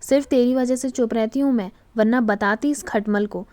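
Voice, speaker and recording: A feisty older grandmother with a sharp tongue, always scolding and snapping back, as a woman storyteller plays her. The voice sits a little high and close, with a dry sound. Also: moderate pace, no room sound, natural voice.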